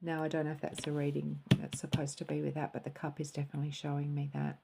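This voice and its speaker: A woman does a spiritual tarot and cup reading in a soft, musing manner, occasionally sinking into a quiet, calm voice. Her voice is deep, fast and gravelly, and there's heavy background noise.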